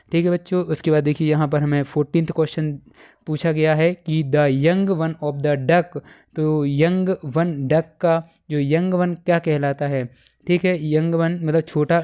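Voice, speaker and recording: A male teacher, walking schoolchildren through exam answers step by step and dictating them slowly with repetition. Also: fairly high pitch, darkish tone, clear, resonant tone. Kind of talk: exam paper walkthrough for schoolchildren.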